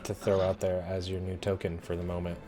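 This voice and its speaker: A man narrating a tabletop game as game master, unhurried and loose, often pausing with ums and uhs. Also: sits low, completely flat delivery, warm tone, faint music behind.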